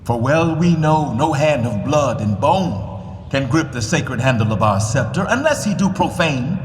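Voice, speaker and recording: A man's voice: mid-range voice, animated, unhurried, close to an everyday voice. An actor playing a proud, indignant king, declaiming formal verse in a Shakespearean radio drama. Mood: proud indignation. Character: proud embattled king, regal, indignant, righteous. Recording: echoey hall reverb, faint noise.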